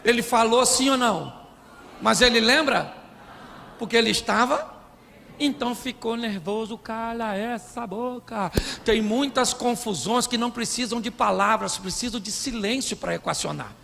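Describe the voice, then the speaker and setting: A man preaching a comic sermon as pastor, animated, acting out couples' arguments in put-on voices. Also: extremely high pitch, moderate pace, vocal fry. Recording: live in a large hall with long reverb and faint noise.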